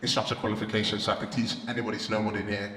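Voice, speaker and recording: A man's voice: on the low side, little pitch movement, racing, bright, forceful tone. A young man, giving informal personal testimony on stage in a casual manner. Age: young adult. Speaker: youth programme graduate, snowboard instructor. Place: large event hall, on stage. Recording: echoey hall, background noise.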